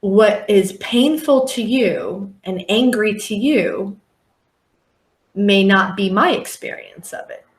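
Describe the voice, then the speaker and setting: Speaking slowly in a medium-pitched voice, a life coach guesting on a podcast interview comes across as earnest and reflective. She acts out clients' voices, and the sound is reverberant.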